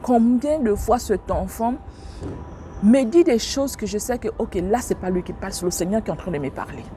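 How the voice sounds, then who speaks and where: A woman recounting her faith testimony in a storytelling voice of middling pitch, speaking straight to her listeners. She acts out each exchange with rising and falling tones, and a faint hum of noise sits under her voice. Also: normal speed. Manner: animated, acts out dialogue with shifting pitch; religious exclamations, addresses listeners directly. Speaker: believer sharing a testimony.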